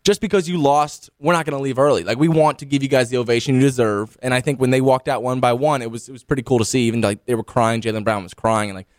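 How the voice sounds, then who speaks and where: A man's voice: mid-range voice, fairly even intonation, fast talker, few pauses, no room sound. A man co-hosting a sports talk radio show, chatty and conversational in a radio studio.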